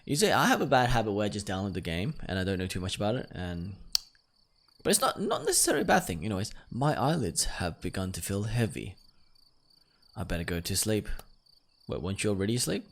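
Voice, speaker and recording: Brisk and sing-song, this fairly low-pitched man is a game streamer doing let's-play commentary. Between stretches of reading the game text aloud, he startles easily and exclaims nervously.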